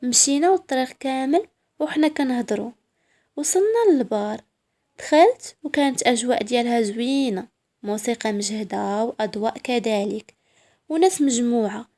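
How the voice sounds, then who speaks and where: A woman's voice: sits high, dark tone. A woman with a Moroccan accent narrating a first-person story in a proud, sassy way.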